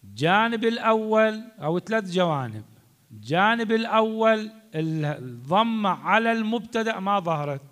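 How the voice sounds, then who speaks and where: A man's voice: sits high, expressive, normal speed, fairly bright tone. A man with an Iraqi accent giving a religious lesson on prayer, emphatic, repeating and acting out pronunciations. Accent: Iraqi Arabic. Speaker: religious teacher. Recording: long reverb of a large hall.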